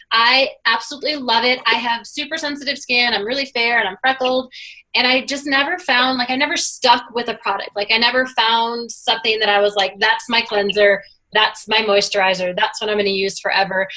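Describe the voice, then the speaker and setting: A woman chatting on a video call, gushing about products in a casual sales pitch with lots of fillers. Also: pushed and bright, poor audio. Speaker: product presenter.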